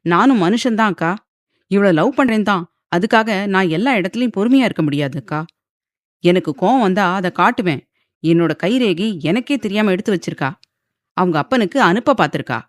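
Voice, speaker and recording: A woman's voice: mid-range voice, expressive, no echo, clean studio sound, lightly acted. A woman voicing a furious, sneering young husband. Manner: shouting, sneering, rapid angry speech.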